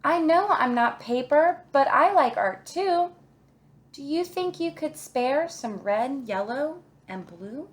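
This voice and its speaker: A woman's voice: high voice, animated, takes it slowly, pitched above the performer's own voice. A woman voicing a small, earnest, hopeful stone from a children's storybook, with simple childlike delivery. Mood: hopeful, coaxing.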